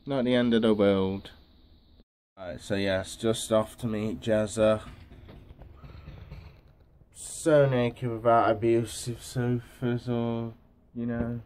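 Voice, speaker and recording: A man's voice: mid-range voice, little pitch movement, takes it slowly, long pauses, a little mellow, clean tone. A young man chatting casually as a vlogger, walking outdoors and filming on a phone held at arm's length, in a laid-back, rambling way. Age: young adult. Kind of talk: casual vlog chat. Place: outdoors in gardens and allotments.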